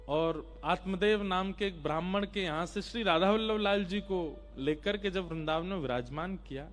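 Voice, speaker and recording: High voiced guy preaching a devotional story, talks right to the crowd, faint music behind. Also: fairly bright tone. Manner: addresses listeners directly, emphatic.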